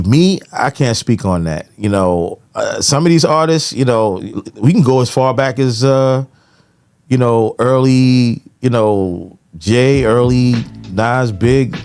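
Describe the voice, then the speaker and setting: His voice is medium in pitch with a darkish tone. The middle-aged podcast co-host, a music industry veteran, speaks casually in slang and frequently drops in "you know what I'm saying."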